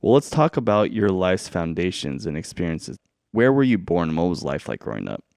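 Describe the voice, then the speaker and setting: A man with a very low voice hosts a podcast and asks his guest long, open questions. He keeps a measured pace, and the sound is dry and close, with no room around it. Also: sing-song, gravelly, darkish tone, no room sound. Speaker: podcast host. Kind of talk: interview questions.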